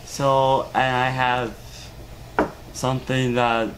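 A man's voice: mid-range voice, level tone, slow pace, background noise. A young man chatting casually as a contestant in an amateur game show at home. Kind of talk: casual chat. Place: cluttered home games room, indoors.

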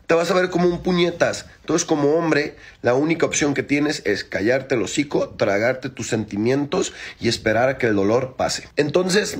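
A man's voice: a little high, breathy edge. A man with a Mexican accent giving a crude, emphatic, slang-filled opinion rant.

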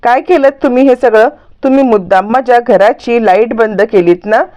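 A proud, hot-tempered tenant woman, put on by a woman narrator snaps and threatens in a high, raised voice. The tone stays smooth and clear even at her angriest, every line an accusation. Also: moderate pace, highs cut off, lightly acted. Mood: accusing.

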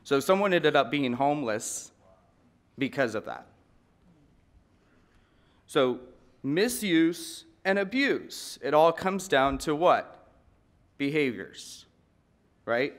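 A man's voice: fairly high pitch, lively intonation, slow, pauses often. A man in his thirties giving an earnest, conversational breakout talk from a podium microphone in a large conference hall, often repeating words as he restarts sentences.

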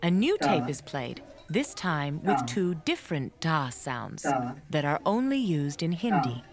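A woman reading scripted documentary narration in a measured, explanatory way. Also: deep voice, big pitch swings, soft background music.

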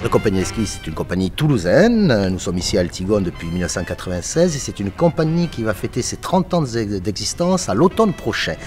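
A man's voice: on the low side, sing-song, fairly quick, few pauses, darkish tone, soft background music. A man in his forties, a theatre director, talking enthusiastically and emphatically in an interview. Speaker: theatre company artistic director. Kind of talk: interview talk. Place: seated in an empty theatre auditorium.

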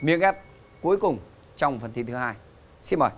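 A man hosting a game show in a lively way, announcing answers and prompting contestants. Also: mid-range voice, normal speed. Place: TV studio with audience. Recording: studio show with music and crowd. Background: music and audience noise.

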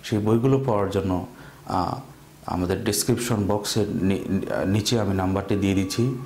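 A man with a Bangladeshi accent teaching an English grammar lesson, explaining slowly and repeating example sentences. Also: sits low, steady tone, dark tone, reverberant, slight background noise.

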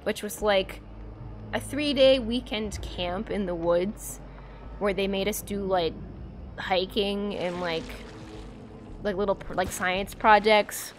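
In a casual gaming livestream, a young East Coast woman with an American accent chats and giggles with her audience, filling her speech with fillers. She talks slowly in a mid-range voice, with slight background noise behind her.

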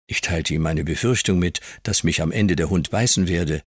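A man narrating a classic novel in the first person as an audiobook reader, calm and measured. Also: deep voice, no echo, studio quality. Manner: calm storytelling.

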